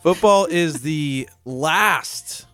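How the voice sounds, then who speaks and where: A man's voice: fairly high pitch, a bit bright, no room sound, faint music behind. Man hosting a legal podcast, dry sound. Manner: explanatory, with frequent filler pauses. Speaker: podcast host and legal reporter. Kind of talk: casual podcast chat. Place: New York.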